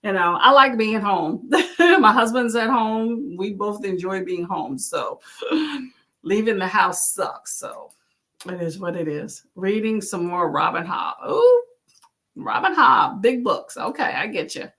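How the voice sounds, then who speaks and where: A woman's voice: medium pitch, expressive, a little slow, sharp tone. A woman hosting a casual live chat, reading out viewers' comments and encouraging them. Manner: chatty, encouraging, exclaims often. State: clearing her throat. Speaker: livestream host.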